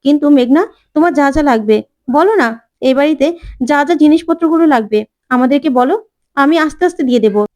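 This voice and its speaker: A woman voicing a humble, apologetic middle-aged mother who speaks gently and pleadingly. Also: high-pitched, fast, pauses often, no echo, natural voice.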